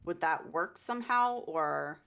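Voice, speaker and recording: A woman playing a tabletop role-playing game with a somewhat low voice. She earnestly questions how her spells work and whether her plans will succeed. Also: expressive, a little slow, creaky, fairly bright tone, clean tone. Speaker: player. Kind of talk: tabletop role-play, asking rule questions.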